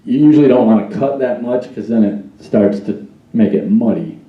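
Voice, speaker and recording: In an echoey church sound booth, a man of medium pitch and moderate pace teaches the mixing desk hands-on, patiently going step by step and testing a microphone with "check, one, two." The mic is distant and the highs are cut off.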